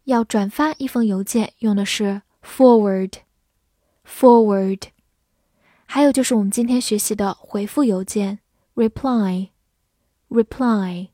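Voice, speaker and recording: A woman teaching vocabulary, explaining words patiently, spelling them letter by letter and repeating sentences slowly. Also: mid-range voice, dark tone, dry recording, studio quality. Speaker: English teacher. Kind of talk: vocabulary lesson, spelling and slow read-alouds.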